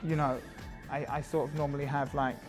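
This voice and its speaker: A man's fairly high voice moves a little fast over music as he chats at length in a casual interview. As a fashion creative director, he uses many fillers and turns animated whenever he talks about designs.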